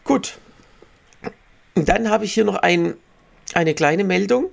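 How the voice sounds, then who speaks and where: Gravelly-voiced man, dry and ironic. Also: sits high, animated, slow. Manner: dry, ironic, laughs between points. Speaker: podcast co-host. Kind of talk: casual chat.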